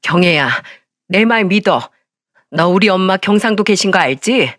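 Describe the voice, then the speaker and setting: A woman's voice: medium pitch, lively intonation, normal speed, a bit bright, no room sound, clean studio sound, lightly acted. A woman doing a brash middle-aged woman friend. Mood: scolding. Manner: brash, scolding. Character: blunt middle-aged woman, bossy old school friend.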